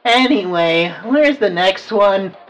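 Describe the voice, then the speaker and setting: A woman's voice: medium pitch, expressive, takes it slowly, distant mic, soft background music, low-quality recording. A woman voicing Bendy, a short, grumpy, whiny cartoon devil who hates work and complains petulantly. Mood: reluctant. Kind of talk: improvised cartoon roleplay.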